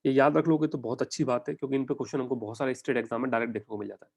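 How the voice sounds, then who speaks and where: A young Indian man giving a conversational exam-prep lecture, often putting quick questions to his students. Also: medium pitch, steady tone, creaky, darkish tone, breathy edge. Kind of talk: online lecture in mixed Hindi and English.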